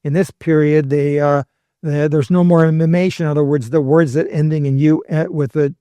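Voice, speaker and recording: Guy, a bit high-voiced, historian on a podcast, explains stuff casually w/ dry jokes, very dry sound. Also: fairly even intonation, normal speed, dark tone, dry recording. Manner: explanatory, with wry humorous asides. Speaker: historian guest. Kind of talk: conversational podcast lecture.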